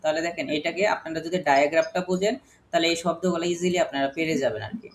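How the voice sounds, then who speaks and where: A man's voice: on the high side, fast, a little hiss or hum. A man with a Bangladeshi accent teaching a phonics lesson to a class, spelling words letter by letter and asking his students questions. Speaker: English teacher.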